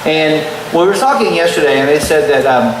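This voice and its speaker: A man's voice: fairly high pitch, moderate pace, far from the mic, noisy background. Male talk host, easygoing and joking, fillers throughout; very echoey room, off-mic. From Texas. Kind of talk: casual interview.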